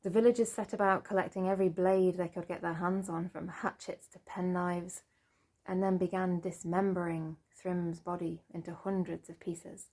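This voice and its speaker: Mellow woman telling a folk tale. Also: fairly low pitch, normal speed. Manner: lively, with chatty asides. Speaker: storyteller.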